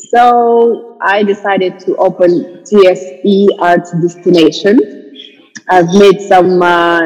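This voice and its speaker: A woman's voice: fairly low pitch, a little mellow, breathy edge, long reverb tail, dull audio. A woman from Kazakhstan, an art curator, speaking hesitantly with many fillers as a podcast guest. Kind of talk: podcast interview.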